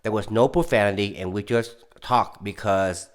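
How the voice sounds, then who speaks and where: A man's voice: lowish voice, normal speed. A man from California talking casually and rambling through his opinions, stammering often and growing insistent. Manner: rambling, with frequent restarts and stammers; gets heated and insistent. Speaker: political commentary YouTuber.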